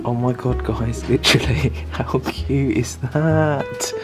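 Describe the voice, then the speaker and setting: In a steady, mid-range voice and at a slow pace, a young Englishman vlogs his travels, talking casually and keenly into a camera at arm's length. The setting moves from castle grounds and parkland to a shop, with background music throughout.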